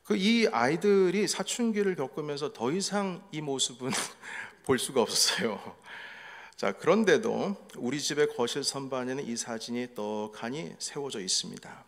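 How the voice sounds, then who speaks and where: A middle-aged pastor preaches in a church sanctuary, telling family stories and acting out what his relatives said. His medium-pitched voice moves at a normal speed with lively intonation, and the hall's reverb leaves the recording echoey.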